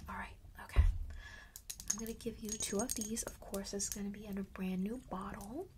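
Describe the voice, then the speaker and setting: Playing a friendly, boastful enchanted-forest fragrance seller, a woman whispers breathily in a chatty, playful ASMR roleplay and repeats phrases often for emphasis. Her mid-range whisper is mostly unvoiced, at a moderate pace with fairly even intonation, over background noise.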